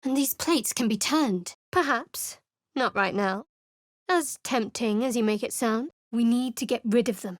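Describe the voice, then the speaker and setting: This is an actress playing a game companion: a guarded, sardonic young woman who serves as a cleric of a dark goddess. She sounds cool, dry, wary and matter-of-fact, with a natural, slightly high voice at a measured pace and no room sound.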